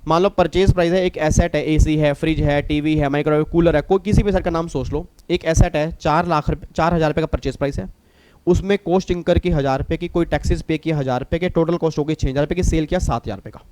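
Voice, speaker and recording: A middle-aged man with an Indian accent teaching a tax class, lively, repeating his points and teasing students. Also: fairly high pitch, fast talker, smooth, no room sound. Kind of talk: recorded classroom lecture.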